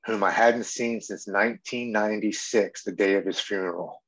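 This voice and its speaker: Male guest, forties, lowish voice, earnest and reflective, heartfelt storytelling. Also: fairly even intonation, moderate pace, fairly bright tone. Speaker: podcast guest in recovery.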